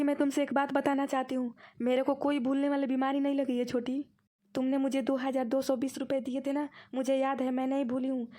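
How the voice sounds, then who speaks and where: Her high, dark-toned voice plays a grumbling aging woman in a cartoon who pretends to be forgetful. The delivery is whiny and complaining.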